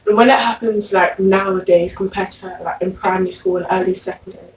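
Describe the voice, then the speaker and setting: A young woman talks casually at an even middle pitch, with many filler words. She is recorded from a distance in an echoey room with faint background noise. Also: brisk. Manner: casual, lots of "like". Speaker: guest. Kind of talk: casual group discussion.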